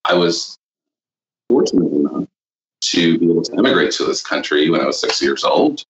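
A man from Honduras, a podcast guest, speaking reflectively and haltingly with many fillers. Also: extremely low pitch, animated, echoey room, highs cut off. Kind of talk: podcast interview.

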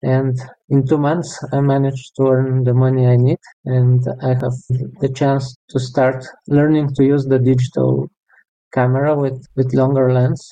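Dark-voiced Bulgarian man, flat and halting. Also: mid-range voice, smooth, dull audio. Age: 30s. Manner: halting, self-correcting, laughs often. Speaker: bird guide, podcast guest. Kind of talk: interview answers.

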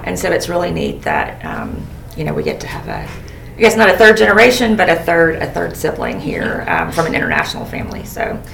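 Chatty host woman with a gravelly voice. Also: lowish voice, huge pitch swings, brisk, few pauses, fairly bright tone, echoey room, far from the mic, a little hiss or hum. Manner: chatty, encouraging, with many ums. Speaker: host, dean of students. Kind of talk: school podcast interview.

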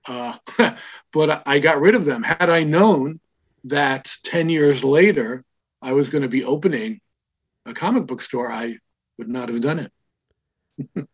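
Speaking in a slightly rough voice on the high side, an older comic shop owner born in Israel reminisces wryly and without hurry in a relaxed interview. The remote audio sounds dull and lo-fi.

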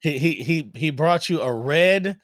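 A man's voice: on the high side, lively intonation, unhurried, no room sound, clean studio sound. Easygoing man hosting a remote podcast. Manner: friendly, checks audio, prompts guest. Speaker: podcast host. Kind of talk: casual interview chat.

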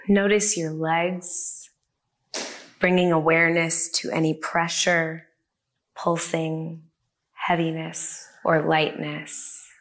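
In a room with her listeners present, a woman leads a body-scan meditation with a gentle, soothing voice. She speaks very slowly in a slightly low register, leaving long pauses between phrases.

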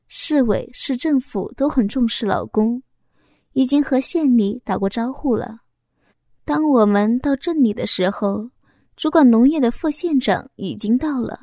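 Woman, first-person story narration, soft steady reading, somewhat high voice, dry close sound. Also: no room sound.

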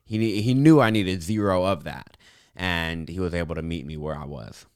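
A young man speaking earnestly and encouragingly as an interview guest, with a slight impediment that softens his r's toward w and affects his s's. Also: low voice, moderate pace, smooth, no room sound, studio quality. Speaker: podcast guest. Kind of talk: earnest personal reflection in an interview.

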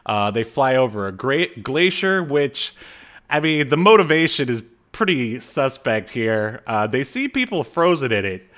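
A man's voice: mid-range voice, very animated, a little slow, fairly bright tone. A man co-hosting a podcast, recapping a cartoon episode in casual chat, rambling with many fillers and frequent laughs. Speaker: podcast co-host.

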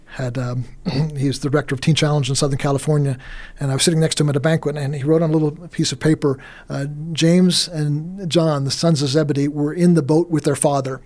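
This is a middle-aged man with a fairly high voice, speaking as a guest minister in a faith interview. He talks earnestly, often stumbling, restarting and repeating words as he pushes his point. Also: steady tone, fast talker, darkish tone.

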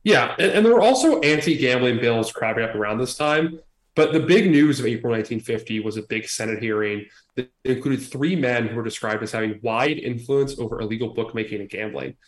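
A man's voice: mid-range voice, lively intonation, brisk. A man chatting on a history podcast, loose and joking, with plenty of ums and likes. His mid-range voice carries a noticeable roomy echo, as if recorded in a bare room. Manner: loose, filler-heavy, joking. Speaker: podcast co-host. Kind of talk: casual history podcast chat.

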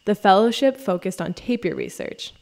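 A woman's voice: medium pitch, animated, moderate pace, a little mellow, no echo. Podcast host woman, dry close voice. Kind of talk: scripted narration and interview.

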